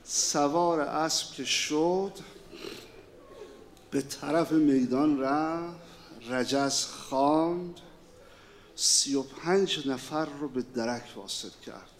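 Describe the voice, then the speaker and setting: A man with a high voice delivers a mourning sermon. He tells the story in a fervent, lamenting way, and his words carry steady grief and passion. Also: long pauses. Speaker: mourning preacher.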